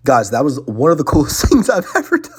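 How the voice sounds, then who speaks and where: A young man giving casual, excitable live commentary on his own gameplay, talking slangily to his viewers. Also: a little high, fast, slightly rough. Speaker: gaming channel host. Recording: faint music underneath.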